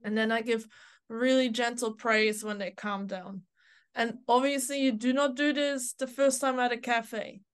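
A woman dog trainer co-hosting a podcast in casual chat, emphatic and quick to agree, often quoting dogs and owners aloud. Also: a little high, fairly even intonation, clean tone.

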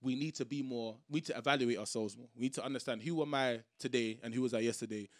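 A man's voice: medium pitch, steady tone, fast talker, dry recording, studio quality. A young man with a London roadman accent, telling stories in a slangy, emphatic, sweary way in a casual group chat. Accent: London roadman, Multicultural London English.

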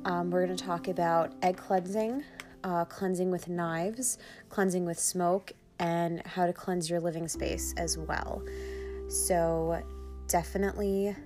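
A young woman with a Long Island accent hosting her podcast, talking casually with plenty of fillers. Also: lowish voice. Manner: chatty, lots of fillers like "um" and "like". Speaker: podcast host.

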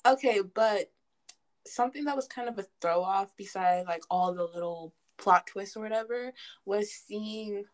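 A young adult woman in a casual chat about a movie. She is animated and stumbles over her words when excited. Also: mid-range voice, measured pace.

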